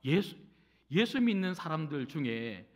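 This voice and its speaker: A man's voice: a little high, measured pace. A middle-aged male pastor preaching a sermon in a church, telling a personal story and speaking straight to the congregation. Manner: animated storytelling, addresses congregation directly. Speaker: senior pastor. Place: church sanctuary.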